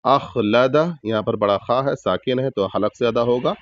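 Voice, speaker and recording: A man teaching Quran recitation step by step, patiently explaining each rule and repeating words slowly in drawn-out chant as examples. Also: medium pitch, no room sound, muffled recording. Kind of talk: step-by-step tajweed lesson.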